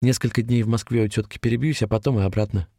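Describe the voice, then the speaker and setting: A man's voice: fairly low pitch, fairly even intonation, quick pace, warm tone, no room sound, studio quality. A man voicing a fervent, feverish young ex-soldier who talks earnestly about a plague and hope.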